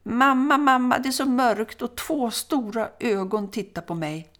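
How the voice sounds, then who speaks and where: A woman's voice: mid-range voice, creaky, fairly bright tone, pitched above the performer's own voice. A woman voicing a frightened little boy who calls out pleadingly to his mother. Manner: pleading, calling out. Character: scared little boy needing to pee in the dark.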